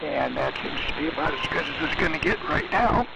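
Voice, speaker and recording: An older man checking into a ham radio net, his voice coming through a slightly mistuned sideband radio signal, talking about his gear in a halting way full of fillers. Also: a little high, lively intonation, gravelly. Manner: halting, filler-heavy technical talk. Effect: slightly mistuned single-sideband ham radio signal. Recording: noisy, lo-fi shortwave radio reception.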